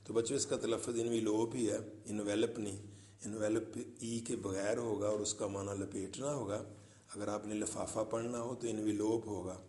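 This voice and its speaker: A man's voice: lowish voice, steady tone, warm tone, echoey room. A man teaching English, retelling a story, then reading English lines aloud and translating them for his students, with notes on pronunciation. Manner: explains pronunciation and word meanings to students.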